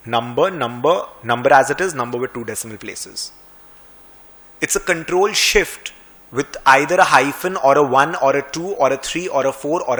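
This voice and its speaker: Speaking in a mid-range voice, this Indian English-accented finance and Excel instructor walks viewers through a screen-captured software demo. His delivery is quick and chatty, laced with a little sarcasm.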